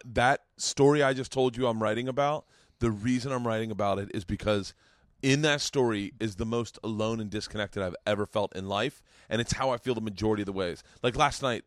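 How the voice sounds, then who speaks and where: A man's voice: mid-range voice, no echo. Podcast host dude, average voice, rambly, owns his own anxieties, dry sound. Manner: candid, rambling, self-deprecating. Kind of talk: casual podcast chat. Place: home studio man cave.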